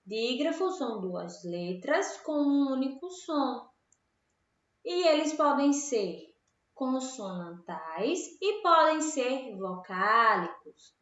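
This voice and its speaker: Brazilian woman teacher with an unhurried, patient delivery, recorded lo-fi and dull. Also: high-pitched, big pitch swings, a bit bright. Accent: Brazilian Portuguese. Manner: patient and explanatory, checks in with "certo?" and "tá?". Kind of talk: classroom grammar lesson. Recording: very echoey room, dull lo-fi sound.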